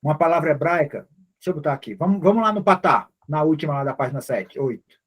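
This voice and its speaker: A man's voice: a little high, animated, fast, fairly bright tone, slightly rough. A man with a Brazilian Portuguese accent teaching an online language class in an informal, patient way, often checking that students follow. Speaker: Hebrew teacher.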